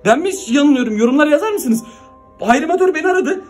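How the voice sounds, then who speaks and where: Young guy vlogging at home, super high voice, rattling off fast and freaked out. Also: lively intonation, faint music behind. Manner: frantic, exclaiming, confused. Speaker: YouTuber. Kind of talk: excited vlog talk to viewers.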